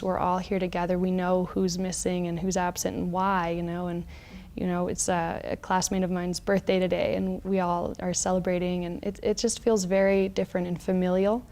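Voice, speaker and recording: A woman's voice: fairly low pitch, a little mellow. A woman massage student chats about her classes in a testimonial interview, using fillers. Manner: chatty with fillers.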